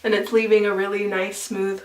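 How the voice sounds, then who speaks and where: A woman's medium-pitched voice, steady in tone and moderate in pace, narrates a makeup tutorial as she applies each product, chatting casually with fillers. The audio is reverberant and recorded from a distance.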